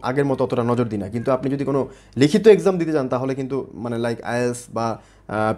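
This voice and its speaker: A man's voice: fairly high pitch, darkish tone. A man teaching an online spelling lesson, explaining step by step, spelling words out letter by letter and often checking in with the viewers. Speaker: English teacher.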